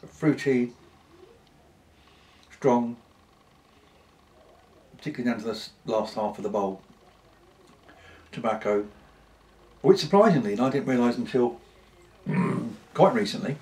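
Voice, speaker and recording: A British man in a casual, unscripted vlog chat, talking in an unhurried, rambling way with pauses. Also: on the low side, a little mellow. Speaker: pipe-smoking vlogger.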